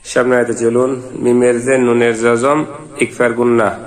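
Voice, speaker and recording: A man teaching Quran reading. He spells out letters and vowel marks one by one, then chants each verse slowly. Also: mid-range voice, little pitch movement. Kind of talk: step-by-step recitation lesson.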